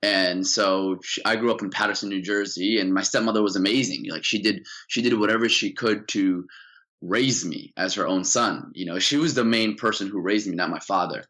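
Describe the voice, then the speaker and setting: A man's voice: lowish voice, normal speed. A young man, originally from Saudi Arabia, telling his life story as a guest in a casual interview, earnest and full of fillers. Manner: earnest, animated, many fillers. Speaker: podcast guest.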